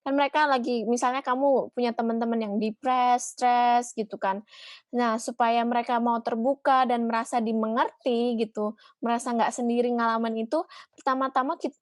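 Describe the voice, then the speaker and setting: A woman psychologist answering audience questions in a patient, explanatory way, pausing on soft fillers. Her voice sits a little high, and the recording is dry and close, with no room echo. She slips English phrases in among her Indonesian sentences. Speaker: psychologist guest. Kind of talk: Q&A answers on mental health.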